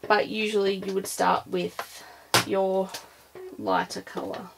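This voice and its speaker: A woman's voice: medium pitch, very animated, slow. A woman presenting an informal craft demonstration, thinking aloud as she goes. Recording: clear background noise, clicks.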